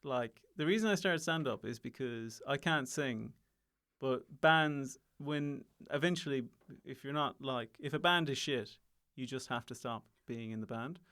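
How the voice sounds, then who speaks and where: A young Irish comedian chats casually as a guest on a podcast in a mid-range, fairly bright voice at an unhurried pace. He rambles, interrupts himself, restarts sentences frequently and laughs often.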